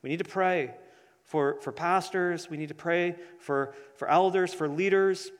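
A male pastor explains his sermon point by point in a somewhat high voice. He phrases deliberately and repeats key words. The sound carries the long reverb of a large hall. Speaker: pastor preaching.

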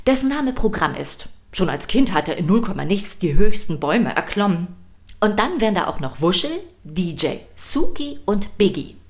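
A woman with a medium-pitched voice hosts a children's podcast, reading scripted narration with playful, emphatic storytelling.

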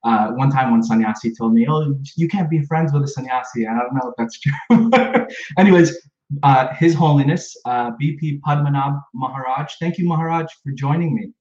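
A podcast host chats casually through an interview, full of fillers and restarts. His voice is medium-pitched and darkish, at a moderate pace, and it's recorded in an echoey room with slightly dull sound.

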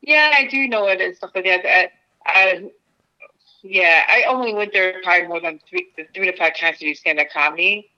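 Woman on speakerphone, bright tone, dull phone-line sound, rambling casual chat. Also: lowish voice, moderate pace. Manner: rambling, with many fillers and restarts. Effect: on speakerphone, heard through a phone line. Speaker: podcast guest, stand-up comedian. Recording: lo-fi phone audio.

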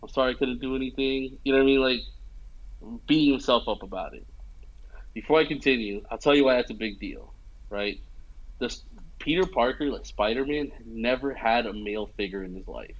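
A film buff in his youth recaps a movie in an easygoing chat, going scene by scene, animated and filler-heavy, regularly checking in with "you know what I mean." His mid-range voice moves at normal speed, and the recording is muffled.

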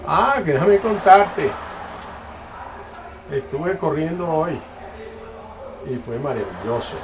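A man's voice: on the high side, expressive, slow pace, voice pushed up. A man putting on an Indian accent to voice his enthusiastic, marathon-loving older father. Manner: enthusiastic, pushy. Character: eager older father, marathon-obsessed, talkative. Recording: distant mic, noisy room.

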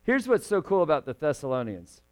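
A pastor preaching a sermon in a church, chatty and joking in his asides, growing louder and slower when he reads scripture aloud. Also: fairly high pitch, sing-song, soft background music. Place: church sanctuary.

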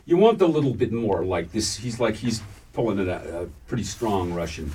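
A man's voice: fairly low pitch, expressive, moderate pace, dark tone, slightly rough. A man running an acting class, giving encouraging notes and acting out line readings for his students. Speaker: acting coach. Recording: distant mic, faint room hiss.

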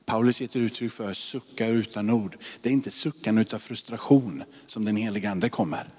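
A man in his forties, a pastor preaching a sermon, rising to loud emphasis and dropping to hushed whispers. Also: lowish voice, husky. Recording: long hall reverb.

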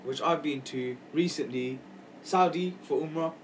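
A man's voice: on the high side, unhurried. A young man, hosting a casual chat in slangy banter. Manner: slangy, exclamatory. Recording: distant mic, noisy background.

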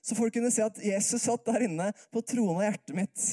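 Mellow-voiced man preaching calmly. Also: high voice. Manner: calm, conversational, with many rhetorical questions. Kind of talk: sermon.

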